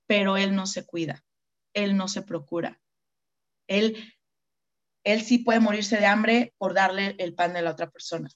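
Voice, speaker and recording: Expressive Mexican woman mentor. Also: mid-range voice, unhurried, pauses often, muffled recording. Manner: expressive, repeats words for emphasis. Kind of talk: mentoring talk.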